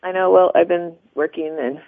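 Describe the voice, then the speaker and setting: A woman's voice: on the low side, steady tone, moderate pace, no echo. An American woman, a stylist guest on a radio interview, chatting casually and sharing tips. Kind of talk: casual chat, giving tips. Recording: thin phone-line radio sound.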